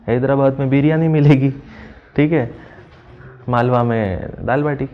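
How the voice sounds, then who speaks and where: In this lo-fi recording, a man of medium pitch and darkish tone teaches an exam-prep lesson. He works through the answers step by step, raising questions and answering them himself, and reads phrases slowly with translations.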